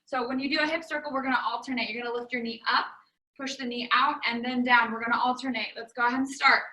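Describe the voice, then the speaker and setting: A young fitness instructor cheerfully leads a home workout in an echoey room, coaching moves and counting down while a bit out of breath. Her high, steady voice is bright and pushed, and she talks fast.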